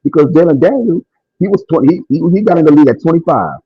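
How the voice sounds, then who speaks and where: Guy sounding muffled like through a wall, fast and lively, kinda far off. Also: on the high side, husky, no echo. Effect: muffled and distant, as if through a wall. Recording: muffled lo-fi remote audio.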